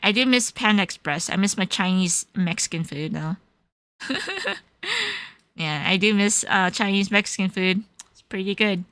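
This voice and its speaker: A young Californian woman hosts a livestream, chatting casually as she answers viewers, laughing often and switching between Japanese and English. Her voice is medium in pitch, slow, and a bit bright, with no echo.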